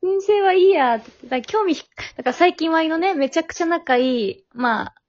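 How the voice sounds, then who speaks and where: Young female podcast co-host, high voice, slangy casual chat, close and slightly lo-fi. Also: animated, fairly quick, a little mellow, no echo. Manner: slangy, informal speech. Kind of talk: casual chat between friends. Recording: dull, lo-fi close recording.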